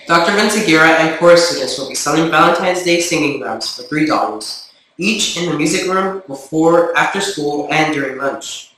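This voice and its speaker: A man with a bright, slightly high voice reads the school notices in a steady list. It comes through an intercom speaker, with heavy echo and a faint hum of ambience underneath. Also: moderate pace. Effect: heard over a school intercom. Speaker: school announcer. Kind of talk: reading school announcements. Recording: echoey intercom with faint background hiss.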